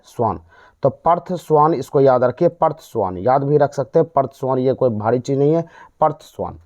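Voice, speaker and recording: Man, Bihari Hindi accent, teacher, call-and-response mnemonic drilling, slightly high voice, dull lo-fi recording. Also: darkish tone. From India. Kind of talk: exam mnemonic lesson. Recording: dull lo-fi audio.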